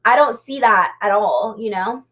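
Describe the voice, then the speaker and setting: A woman's voice: mid-range voice, normal speed, a bit bright. A woman co-hosting a casual podcast chat, talking in a chatty way full of "like" fillers. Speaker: podcast co-host.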